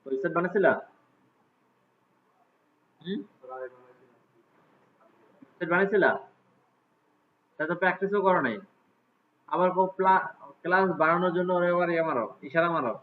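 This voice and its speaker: Male teacher, somewhat high voice, tinny phone-like audio. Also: normal speed, pauses often. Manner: casual, asks students frequent check questions. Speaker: computer class teacher. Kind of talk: live class walkthrough.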